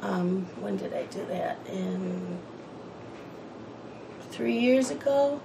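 A woman's voice: medium pitch, takes it slowly, gravelly, noisy background. A woman chatting in a rambling, casual way while she colors, wandering from one topic to the next. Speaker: coloring channel host.

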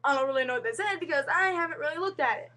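Young woman, high voice, webcam vlog, rambling and earnest, lots of restarts. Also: animated, very fast, pushed and bright. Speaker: vlogger. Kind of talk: casual webcam monologue. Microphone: webcam mic.

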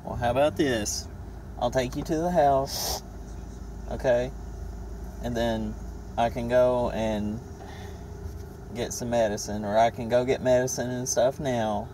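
A woman with a very deep, mellow voice chats casually and patiently, reassuring like a caretaker. She is recorded inside a car with faint noise. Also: steady tone, a little slow, long pauses. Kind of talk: casual chat. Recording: car cabin with some noise.

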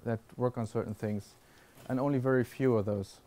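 A man with a mid-range, mellow voice and fairly even intonation talks fairly quickly while answering audience questions on a conference panel. He's thoughtful, frequently restarting and using fillers, in a classroom lecture hall before an audience.

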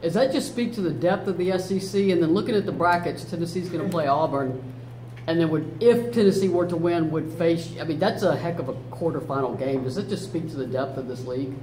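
Casting: male reporter with a fairly high voice, wordy question setup, echoey room. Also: brisk, darkish tone, slight background noise. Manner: talkative, lays out standings before asking. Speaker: sports reporter. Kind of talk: press conference question.

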